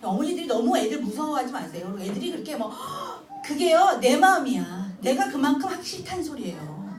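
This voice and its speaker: A middle-aged woman teaching a church class for mothers, telling stories with lively acted-out dialogue and frequent laughter. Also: sits high, a little fast, crowd noise. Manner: animated storytelling, acting out child and mother dialogue, frequent laughter. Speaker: Bible memorization instructor. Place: church hall. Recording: echoey hall, distant mic, noisy.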